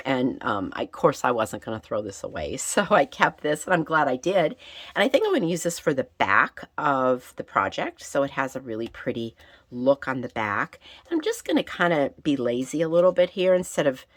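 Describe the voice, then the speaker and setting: Low, gravelly whiskey-voiced woman. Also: big pitch swings, normal speed, dry recording. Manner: chatty, thinking aloud while working. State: getting over a recent illness. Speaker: craft channel host. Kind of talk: casual craft tutorial chat.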